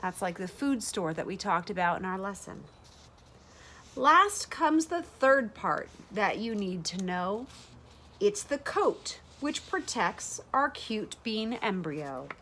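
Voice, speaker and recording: Slight background noise accompanies a thirties-aged woman reading a rhyming children's picture book in a sunny indoor room with big windows. Her medium-pitched delivery is deliberate and expressive for young listeners.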